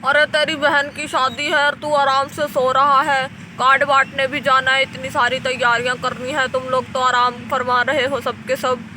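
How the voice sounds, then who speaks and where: A fussing middle-aged village father who grumbles and shouts for tea against the cold, as a woman puts him on. The voice sits very high for a man. Steady hiss runs under the recording. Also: moderate pace, few pauses. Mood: scolding. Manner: loud complaining calls. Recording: noisy home recording.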